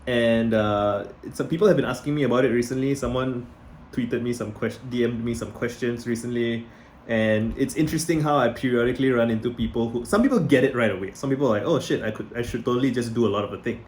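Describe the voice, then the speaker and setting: Speaking fast in a medium-pitched, darkish voice, this man in his thirties has a Singaporean accent and talks conversationally to camera for his vlog. He wanders off on tangents and keeps going back to restart sentences. A faint hiss or hum runs underneath.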